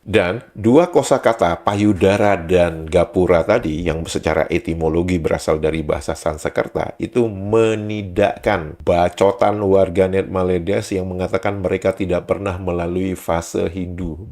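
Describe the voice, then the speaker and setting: A man's voice: sits low, a little mellow. A man hosting a commentary monologue, mocking and firing off rhetorical questions. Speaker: host.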